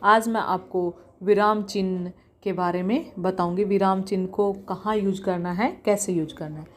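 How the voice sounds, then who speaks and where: A young woman teaching a casual grammar lesson, often repeating examples slowly and asking herself questions as she explains. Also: mid-range voice, fairly even intonation.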